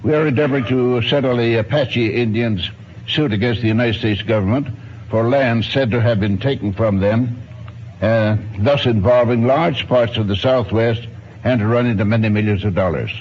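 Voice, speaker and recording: On a noisy, muffled 1950s radio broadcast, an archaeologist and ethnologist in his nineties answers as an expert guest. He uses a mid-range voice at a moderate pace, and his responses are formal, exact and old-fashioned.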